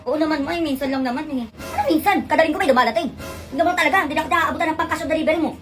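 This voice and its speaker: A woman's voice: high voice, rapid-fire, fairly bright tone. A woman playing a nagging middle-aged mother scolding her child, in a comedy skit with music underneath. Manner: nagging, exasperated.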